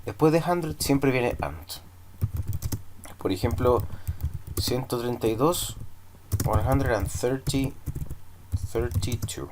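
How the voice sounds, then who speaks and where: A Chilean man teaching English in a recorded class, drilling numbers slowly and deliberately so students can repeat after him. He switches between English and Spanish, and his voice sits at an ordinary middle pitch. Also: background noise.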